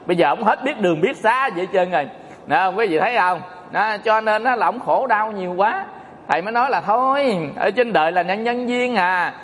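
Male monk, folksy joking sermon, high voice, long hall reverb. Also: lively intonation, fairly quick, fairly bright tone. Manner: folksy, joking, addresses audience often. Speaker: Buddhist monk teacher. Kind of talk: Dharma talk sermon.

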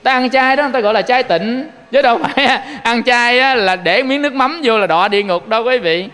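A man's voice: very high voice, fairly quick, sharp tone, smooth, long reverb tail. A man with a Southern Vietnamese accent giving a Buddhist sermon, telling folksy stories and often turning to address his listeners. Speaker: Buddhist monk preaching.

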